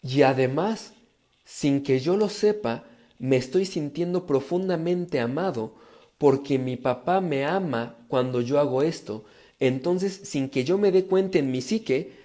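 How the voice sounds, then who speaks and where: A man giving an emphatic, animated live talk as a personal growth speaker, reading viewer comments and speaking directly to his audience. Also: fairly high pitch, unhurried.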